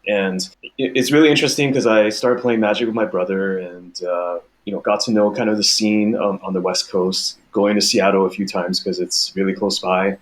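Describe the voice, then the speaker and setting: Man, thirties, Mandarin speaker, deeper voice, podcast guest, explanatory, restarts often. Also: steady tone. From Taiwan, raised in Canada. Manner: measured, explanatory, with frequent restarts. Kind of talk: casual conversational interview.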